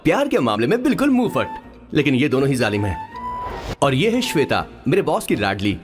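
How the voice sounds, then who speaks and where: A man's voice: medium pitch, very animated, a little fast, music in the background, close to an everyday voice. A man voicing a cheeky young sidekick who narrates, dubbed for a film in a chatty, comic way. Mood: wry. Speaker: assistant and narrator. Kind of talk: Hindi film dub.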